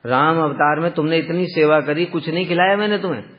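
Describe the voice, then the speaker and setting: A man's voice: on the high side, fast talker, close to an everyday voice. A male storyteller voicing a playful young divine child who speaks affectionately and gratefully to monkeys. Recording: dull lo-fi sound with long hall reverb.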